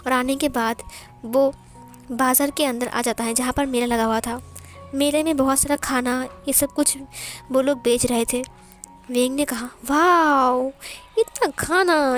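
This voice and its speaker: A woman narrating a fan fiction story aloud in a plain, steady way. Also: high voice, normal speed, faint music behind.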